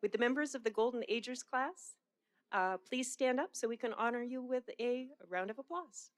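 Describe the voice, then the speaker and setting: A woman's voice: a little high, moderate pace, a crowd in the background. A woman reading ceremony announcements as a commencement presenter, with small hesitations.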